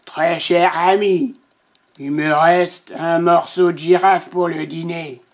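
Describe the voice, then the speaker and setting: Woman as a chummy, greedy crocodile, slow and sly. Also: lowish voice, fairly even intonation.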